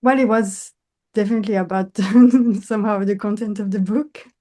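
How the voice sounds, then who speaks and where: A woman's voice: mid-range voice, fairly even intonation, normal speed, mellow. A woman from Switzerland, an English speaker, answering interview questions as an architect and professor, hesitant with many fillers. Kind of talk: interview conversation.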